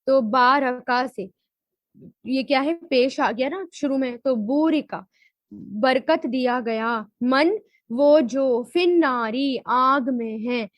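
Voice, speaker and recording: A woman teaching Quran grammar and tafseer. She asks questions and answers them herself, and slows down to spell out Arabic word forms. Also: high-pitched, no echo.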